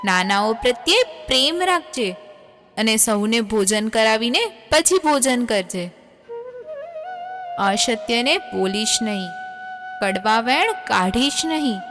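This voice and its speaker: An actress playing a loving queen mother who tenderly gives her daughter advice in a soft, tearful voice. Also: fairly high pitch. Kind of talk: devotional audio drama. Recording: long reverb, music underneath.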